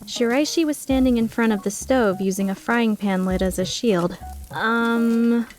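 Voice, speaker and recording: Lightly acted over soft background music, this slightly high, darkish female voice takes its time. She voices a flustered, skeptical young woman who introspectively narrates her own tale in a fan dub drama, her mood puzzled and reflective.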